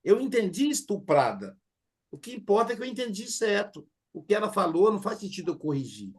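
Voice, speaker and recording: A man's voice: high-pitched, sing-song, fairly quick, husky. A middle-aged man with a Brazilian accent giving a conversational class lecture, full of fillers and acted quotes. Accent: Brazilian Portuguese. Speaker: teacher.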